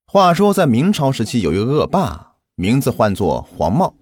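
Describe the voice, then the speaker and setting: A man hosting and narrating a folk ghost story in a lively, colloquial storyteller's style. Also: medium pitch, normal speed, breathy edge. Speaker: host and storyteller.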